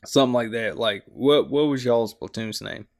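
A man's voice: medium pitch, lively intonation, moderate pace, vocal fry. A man who is a veteran guest on a podcast, talking in a laid-back, chummy and profane way. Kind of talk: casual conversational interview.

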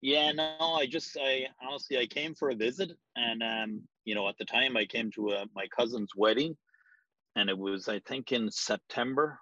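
In a dull lo-fi recording with no echo, an Irish real estate agent in his forties speaks as an interview guest. His mid-range voice is bright and forceful at a normal speed, though his replies come out rambling and hesitant, with frequent ums.

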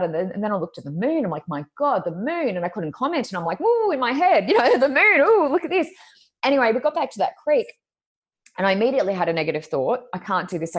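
Telling a personal story on a podcast she co-hosts, a woman speaks loudly in a mid-range voice, keeping the conversation casual and acting out her own thoughts.

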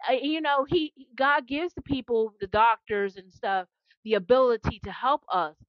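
A woman's voice: fairly high pitch, normal speed, no room sound, muffled recording. A woman who calls herself a prophetess, preaching with fervent, repetitive energy and call-and-response asides. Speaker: self-described prophetess. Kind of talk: impassioned preaching monologue.

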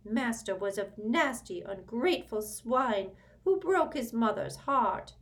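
A shrill, drawn-out old male house-elf, as a woman reader puts him on, muttering with spite and fawning servility. His voice climbs high and slows into lingering whines, swinging widely in pitch. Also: animated. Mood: muttering resentfully. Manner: furious hissing mutter, bowing servility. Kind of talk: audiobook character voice.

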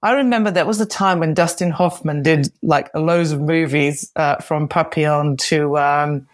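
A woman's voice: sits low, moderate pace, no echo. A middle-aged woman, telling her story in a rambling, chatty way as a podcast guest. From Croatia. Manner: chatty and rambling, with restarts and laughs. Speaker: guest, hair and makeup designer. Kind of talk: casual interview storytelling.

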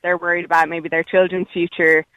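A woman's voice: fairly low pitch, little pitch movement, brisk, fairly bright tone, dry recording, highs cut off. A woman with a west of Ireland accent, calling in to a radio phone-in to debate, challenging but hesitant with ums. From Galway, west of Ireland. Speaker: phone-in caller.

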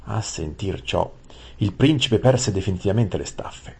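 A man's voice: fairly low pitch, animated, measured pace, gravelly, mellow, husky. A man reading a children's book aloud, adding casual explanatory asides. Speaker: storyteller.

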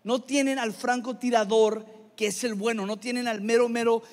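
A man preaching a sermon, reading scripture slowly and then chatting casually with the congregation. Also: very high voice, steady tone, a little mellow. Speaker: pastor. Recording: reverberant hall.

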